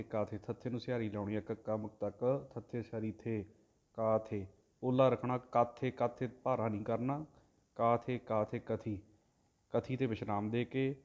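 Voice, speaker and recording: A man teaching careful recitation of scripture, chanting each verse slowly and loudly, then quietly explaining the pronunciation of each syllable. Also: medium pitch. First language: Punjabi. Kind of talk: line-by-line recitation lesson.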